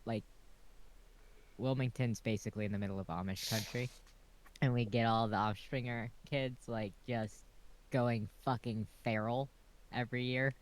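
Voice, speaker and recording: A man in relaxed casual chat, explaining things with lots of filler words. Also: mid-range voice, normal speed, a little hiss or hum. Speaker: friend in chat.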